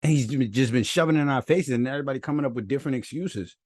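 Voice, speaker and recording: A young man co-hosting a podcast in casual, emphatic chat, slangy and quick to laugh. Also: medium pitch, darkish tone. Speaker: podcast co-host. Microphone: own mic at home, phone nearby.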